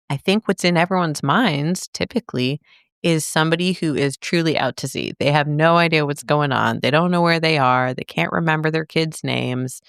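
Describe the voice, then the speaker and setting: A young woman co-hosting a podcast as a speech therapist, chatting casually and animated, with playful jumps into silly voices. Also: sits low, clean tone, no echo, studio quality. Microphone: studio microphone.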